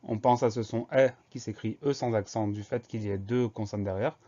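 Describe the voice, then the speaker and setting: A man teaching a spelling lesson, explaining each word calmly and spelling it out letter by letter. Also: on the low side, moderate pace. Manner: patient, methodical, spells out letter by letter. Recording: slightly dull lo-fi recording.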